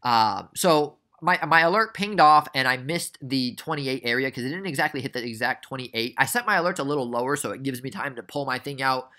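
A man's voice: medium pitch, fairly quick, hardly any pauses, pushed and bright. A young man casually recapping a stock trade for beginners, chatty and prone to rambling tangents. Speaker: trading educator.

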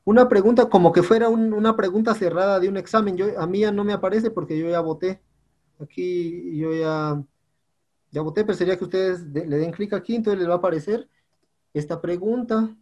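High-voiced teacher man. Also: brisk, a little mellow, dull audio. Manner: patient, repeats "compañeros" and "¿sí?" often. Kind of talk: online class instructions.

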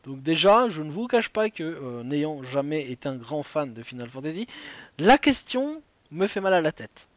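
A man's voice: a little high, big pitch swings, moderate pace, no echo, lo-fi sound. A man with a French accent hosting a live-streamed quiz game, chatty and full of joking asides and restarts. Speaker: quiz show host.

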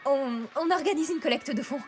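A woman's voice: sits high, brisk, faint music behind, lightly acted. An actress playing a rebellious young woman in naturalistic video game dialogue. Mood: defiant.

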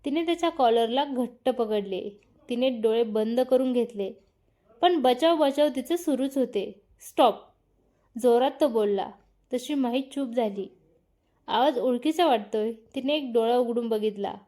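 Storyteller: woman, higher mellow voice, steady scripted narration of a romance. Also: moderate pace. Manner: reads every part herself, naming each speaker after their line.

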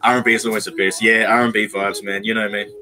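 Reading live chat from his small bedroom, a young man in his early adult years talks to viewers on his stream in a laid-back, slangy way, calling them bro and man. He speaks fast, with a fairly low pitch.

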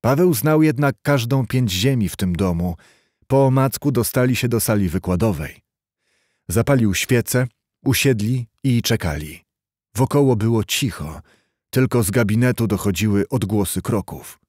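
A man reading a literary audiobook in a measured storytelling way. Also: medium pitch, expressive, darkish tone, no room sound, clean studio sound. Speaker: audiobook narrator. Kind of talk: scripted literary narration.

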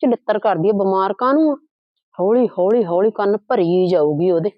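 A woman playing a scheming, sharp-tongued young daughter-in-law who nags and scolds bitterly in a village drama. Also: medium pitch, normal speed, no echo, lo-fi sound, close to an everyday voice. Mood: grumbling, scheming. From Punjab, India.

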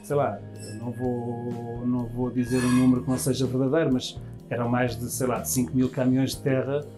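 With music playing behind him, a European Portuguese restaurant manager in his fifties speaks briskly at a medium pitch with little movement in his voice. He answers interview questions at length indoors in the dining room, talking with his hands and restarting a lot.

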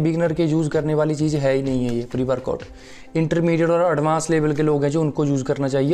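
A fairly high, slightly mellow voice belongs to a young-adult fitness vlogger. Wearing a lapel mic on his living room sofa, he reviews a fitness supplement to camera, explaining amicably and often treating viewers as friends.

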